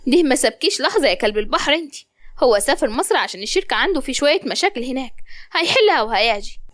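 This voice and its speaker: A woman with an Upper Egyptian accent voicing a gentle, caring young woman who reassures her friend. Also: sits high, expressive, racing, dry recording, clean studio sound. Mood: reassuring. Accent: Upper Egyptian (Sa'idi).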